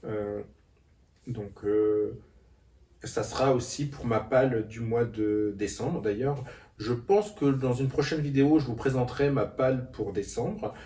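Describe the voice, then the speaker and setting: A man's voice: medium pitch, unhurried, mellow. A hesitant man talks casually about books, stopping often to restart his sentences. He sits a little back from the mic, and the room gives his voice an echo. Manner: hesitant, many fillers and restarts. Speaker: book vlogger. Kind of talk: casual book haul vlog. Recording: roomy echo, a bit far from the mic.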